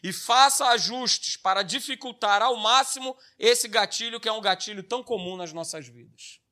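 A man's voice: sits high, normal speed, sharp tone. A man with a Brazilian Portuguese accent preaching a sermon, stressing his points by repeating key phrases and checking in with tag questions.

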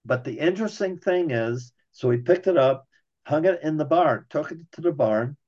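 A man's voice: on the high side, animated, moderate pace, darkish tone, muffled recording. A man casually telling a personal story in a folksy way, talking straight to his listeners.

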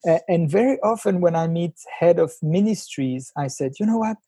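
French guy w/ accent, earnest and halting, kinda husky, dry close sound. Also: fairly high pitch, lively intonation, mellow, dry recording. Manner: earnest, hesitant with restarts. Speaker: ministry leader guest. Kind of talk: interview, then spoken prayer.

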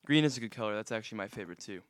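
A man of twenty-one hosting a casual interview at a music venue, asking relaxed questions with plenty of fillers. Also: lowish voice, very fast, no room sound. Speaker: interview host. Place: music venue after a live set.

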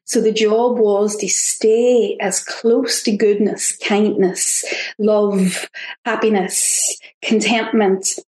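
Irish woman, earnest and halting. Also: medium pitch, level tone, darkish tone. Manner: earnest, halting, restarts often. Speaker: guest. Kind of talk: reflective interview talk. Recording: roomy echo.

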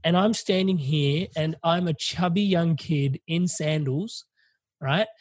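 A young man with a husky, raspy edge, pitched a bit high, tells a long story in loose, animated podcast chat. He swears freely and laughs through the telling. The sound is dry and close, with no room around it. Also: slow pace, no room sound. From from overseas, visiting family in India.

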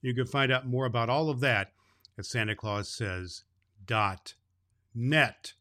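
Man acting as jolly old Santa, bright forceful voice, kindly, grandfatherly, folksy children's holiday show host. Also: mid-range voice, steady tone, unhurried. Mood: cheerful, kindly. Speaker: host of a daily children's Christmas story show. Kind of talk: unscripted, folksy address to child listeners.

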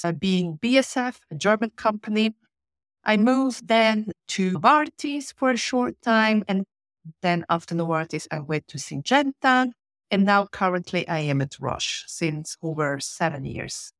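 This woman, an Italian-speaking change and communication manager with roots in Switzerland and southern Italy, is interviewed on a podcast. She talks at medium pitch in a steady, explanatory way, often pausing on "uh." The recording is close and dry, with no room sound.

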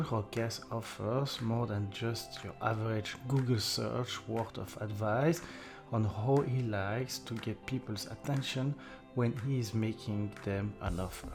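A man hosting a podcast interview, upbeat and talking with frequent fillers. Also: fairly low pitch. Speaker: podcast host.

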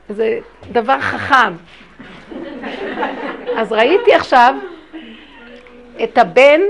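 A middle-aged woman giving a spiritual talk to an audience, telling her stories emphatically and dramatically, with big swings in loudness. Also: a little high, gravelly. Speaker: religious speaker.

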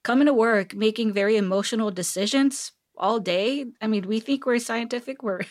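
A middle-aged woman from Seoul, South Korea, a technology executive, appears as a guest on a podcast interview, speaking conversationally. Her voice is fairly high-pitched at a normal speed, and she laughs often.

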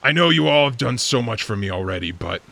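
A man voicing a massive dragon who is a gruff pirate captain loyal to his crew, in a growling giant dragon voice for a tabletop game. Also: mid-range voice, lively intonation, quick pace, bright, forceful tone, full character voice. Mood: pleading, burdened. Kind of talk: tabletop role-play character acting.

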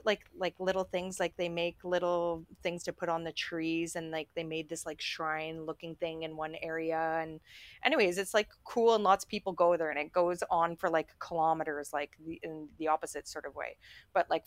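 A woman co-hosting a podcast, telling a story in a casual chat, full of "like" fillers and lively when quoting others. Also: on the low side, normal speed, no echo. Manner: chatty, many "like" fillers, animated when quoting. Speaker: podcast co-host.

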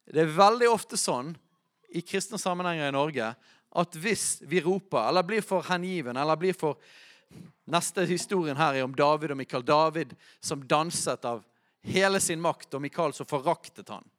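A man preaching a sermon, rising to shouts when quoting. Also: on the high side.

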